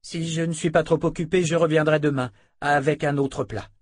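A man voicing a fierce young woman, a vehement and imperious sorceress of a dark order, in an audiobook. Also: a little high, fairly even intonation, moderate pace, no echo, studio quality, voice pushed up, natural voice. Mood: curt.

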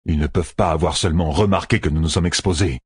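Deep, husky male audiobook narrator. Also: quick pace, no echo, studio quality. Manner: expressive storytelling. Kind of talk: scripted fantasy narration.

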